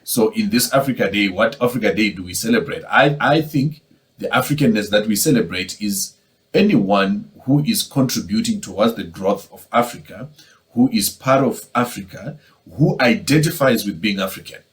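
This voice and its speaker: Low-voiced man moderating a chat. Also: expressive, moderate pace, low-quality recording. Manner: conversational, acts out quoted exchanges. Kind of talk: casual panel discussion.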